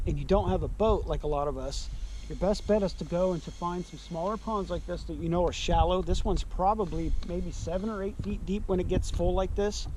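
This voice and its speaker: A man's voice: high voice, dark tone. A young man from California, a fishing vlogger, talking loosely and a bit out of breath while standing outdoors by a small pond. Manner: loose and rambling, lots of fillers. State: a little out of breath. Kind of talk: casual outdoor vlog talk. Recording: faint outdoor noise.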